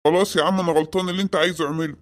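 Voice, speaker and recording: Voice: mid-range voice, fairly even intonation, racing, close to an everyday voice. A performer voicing a crafty Egyptian male friend who hands out schemes in a conspiratorial tone. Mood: scheming.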